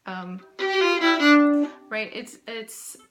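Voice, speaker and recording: A woman's voice: medium pitch, steady tone, extremely slow, over loud music. A woman teaching a viola part, patiently explaining fingerings and singing out rhythms. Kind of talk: casual music lesson. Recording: echoey room with violin.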